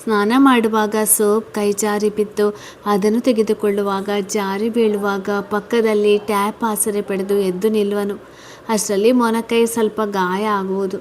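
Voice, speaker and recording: A woman narrating a story in a plain, steady reading voice. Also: mid-range voice, moderate pace, a little hiss or hum. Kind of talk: read-aloud story narration.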